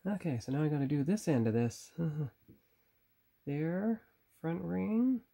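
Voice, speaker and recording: Gravelly man chatting at a hobby bench. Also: fairly high pitch, big pitch swings, a little slow, warm tone. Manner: chatty, self-correcting, talks to viewers while working. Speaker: model builder and channel host. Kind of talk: casual hobby tutorial, thinking aloud. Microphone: phone camera on a tripod.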